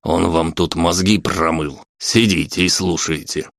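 A furious old grandfather in an audiobook, gruff and barking in a very deep, dry voice, as a man reads him. There is no room sound at all. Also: fairly even intonation, a little slow, a bit bright, dry recording, exaggerated voice.

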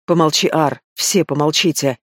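A man's voice: on the high side, moderate pace, a bit bright, no room sound, clean studio sound. A man reading the part of a stern, commanding young werewolf pack alpha in an audiobook. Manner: commanding, clipped.

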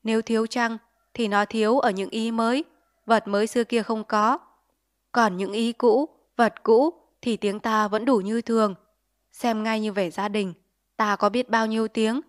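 A woman voicing a stern, earnest middle-aged father who lectures his son in grave, measured tones in an audiobook story. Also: on the high side, steady tone, close to an everyday voice. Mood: earnest lecturing.

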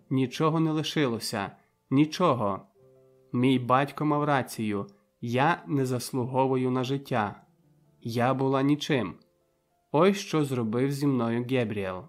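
A man reading an audiobook in a measured, dramatic first-person narration. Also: mid-range voice. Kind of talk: scripted narration.

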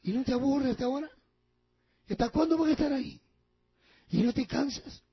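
Guy doing a sneaky whispery devil, quick nagging questions, raspy. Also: very high voice, animated, no room sound, dull audio, heavily acted. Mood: coaxing. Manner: hushed, quick, needling questions. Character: whispering tempter devil, sly and coaxing.

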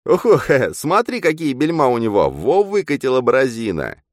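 Male narrator plays an excitable phantom double: pushy, high-pitched, rushing, very dry sound. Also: dry recording, natural voice. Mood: excited. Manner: pushy, bossy, slangy.

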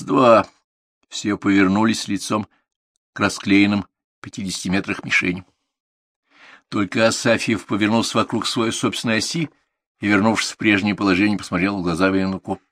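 A man calmly reading a literary story aloud as a narrator, in a measured storytelling manner. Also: lowish voice, dry recording, studio quality. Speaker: audiobook narrator.

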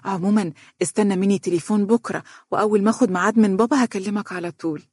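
A man voicing a cheerful young bride-to-be with an Egyptian accent, in a raised, lively voice. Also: mid-range voice, very fast, no room sound, clean studio sound, voice pushed up, lightly acted. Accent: Egyptian Arabic.

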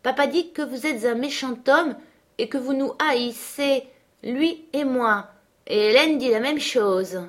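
A woman's voice: high-pitched, a little slow, pitched above the performer's own voice. Woman reading an eager, stubborn young girl. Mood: defiant. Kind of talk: audiobook character voice.

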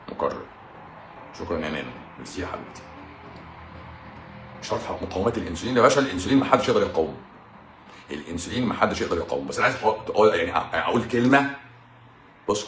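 An Egyptian man talks fast in a casual live-stream monologue, mocking his critics and hammering his points home by repeating them. His voice echoes around a bare room, with a faint hum of noise underneath. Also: lowish voice, sharp tone. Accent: Egyptian Arabic. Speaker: doctor hosting a live stream.

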